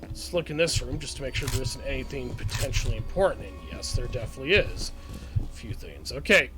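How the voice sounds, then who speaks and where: A man's voice: mid-range voice, expressive, brisk. A man giving casual, chatty let's-play commentary as he plays through a shooter game, often chuckling at it. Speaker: gaming channel host.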